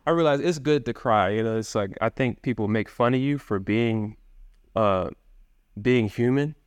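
A man's voice: medium pitch, moderate pace, clear, resonant tone, no echo. A man being interviewed as a guest, talking in a casual, chatty way with lots of "you know" and "man". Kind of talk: casual conversation.

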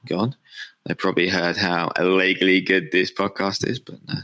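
Over background noise, a young British podcast host speaks in a low voice with flat delivery at a normal speed. His casual motivational monologue wanders and pokes fun at himself, and he swears freely while a bit hungover.

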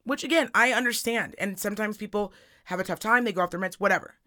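A woman co-hosting a casual podcast, her voice hoarse, raspy and strained as if nearly gone, talking bluntly with plenty of slang. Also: medium pitch, fast talker, bright, forceful tone. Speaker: podcast co-host. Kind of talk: casual chat. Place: studio.

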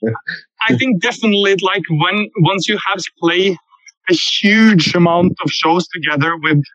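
A musician, answering interview questions over a low-quality earbud mic call stream in a thoughtful, halting way with many fillers. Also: male voice, fairly bright tone, no echo. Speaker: musician guest. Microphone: earpods while walking outdoors. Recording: dull dry lo-fi call audio.

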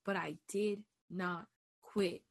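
A woman in her twenties gives a reflective personal monologue in a preacher-like style. She makes emphatic declarations with call-and-response asides, then drops to soft, hushed affirmations. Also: fairly low pitch, steady tone, slow pace. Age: 20s. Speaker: podcast host.

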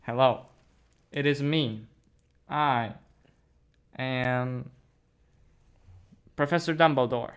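A performer voicing a wise old male wizard headmaster, speaking slowly in a lowered, solemn voice, in pretend play with a small child. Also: clear, resonant tone.

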